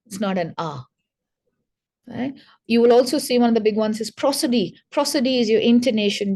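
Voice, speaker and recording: A woman's voice: a little high, darkish tone. A woman speech therapist giving an educational talk to parents, explaining in a conversational way and sounding out speech sounds as examples. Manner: addresses listeners directly, conversational asides.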